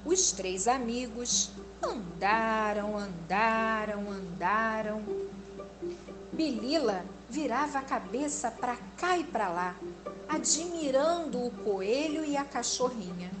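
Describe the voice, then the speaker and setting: A woman reading a children's story aloud, slow, expressive and gentle. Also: on the high side. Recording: instrumental music behind the voice.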